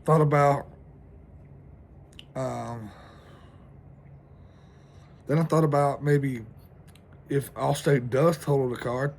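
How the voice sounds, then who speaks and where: A man's voice: medium pitch, steady tone, slow, gravelly, pauses often, a little mellow, a little hiss or hum. A man venting in a rambling, stressed vlog monologue, sleepless and shivering outdoors in the cold, swearing a lot. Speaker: vlogger.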